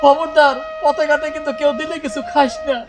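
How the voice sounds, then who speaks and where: A woman's voice: high-pitched, little pitch movement, fairly quick, natural voice. An actress playing a doting village mother, fretful and nagging with warnings, in a sentimental drama. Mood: anxious warning. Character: anxious, doting village mother seeing her grown son off.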